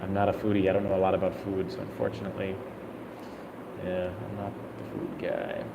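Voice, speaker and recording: A man's voice: sits low, monotone, a little fast, vocal fry, reverberant, in a large hall, highs cut off, heavy background noise. A man in his thirties, a travel vlogger, casually answering viewer questions on a live stream, rambling and thinking aloud. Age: 30s.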